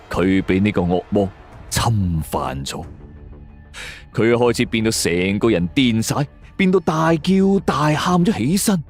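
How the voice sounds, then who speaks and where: A Hong Kong Cantonese-accented man narrates a scripted suspense story for an audio drama, sounding theatrical and full of suspense. His voice sits on the low side and is a little mellow, with background music running beneath it.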